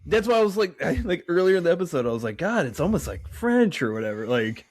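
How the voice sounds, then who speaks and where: A man's voice: a little high, very animated, quick pace, a little mellow. A man co-hosting a podcast in casual chat, teasing and laughing often, with some swearing. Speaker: podcast co-host.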